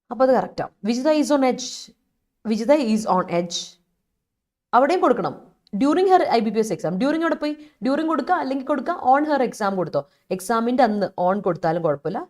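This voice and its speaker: A woman with a Malayali accent teaching English vocabulary in a live online class, calling students by name and reminding them often. She talks fast, then slows right down to read out each English example. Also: a little high, a little mellow. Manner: switches fast between Malayalam and slow, deliberate English examples. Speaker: English teacher for exam aspirants.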